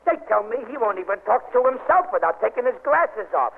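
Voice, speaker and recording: A man's voice: high-pitched, very animated, brisk, gravelly, exaggerated voice. An actor playing a wry, slangy male Marine private in an old-time radio comedy. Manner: folksy, slangy. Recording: tinny, noisy old radio recording.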